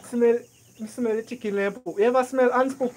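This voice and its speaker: A woman's voice: fairly high pitch, steady tone, a little fast, darkish tone. Chatty Jamaican woman outdoors. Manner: chatty, laughs a lot, repeats "yeah, man". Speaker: vlogger. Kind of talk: casual chat in Patois.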